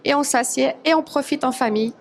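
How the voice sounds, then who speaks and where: Woman guest, high voice, hesitant, explains a dish. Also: fast, a little hiss or hum. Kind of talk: explaining a recipe.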